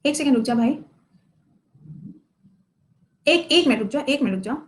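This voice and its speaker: A woman's voice: high-pitched, expressive, normal speed. A woman teacher giving a live online lesson, asking her students questions, answering them herself, and teasing them playfully. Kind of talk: live online class lecture.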